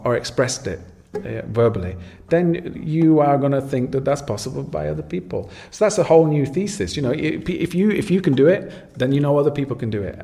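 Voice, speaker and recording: Man, mid pitch, halting and musing in casual chat, repeats words often. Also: a little mellow.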